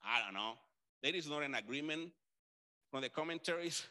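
A man from Colombia's Caribbean coast with a Colombian accent, preaching a conversational sermon with animated storytelling, restarts and asides. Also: on the high side, normal speed, clean tone. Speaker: pastor.

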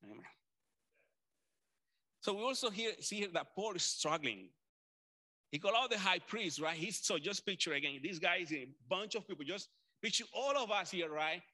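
A pastor from Colombia's Caribbean coast, speaking with a Colombian accent, delivers a conversational sermon full of animated storytelling, restarts and asides. His voice is high and his speed normal, with long pauses.

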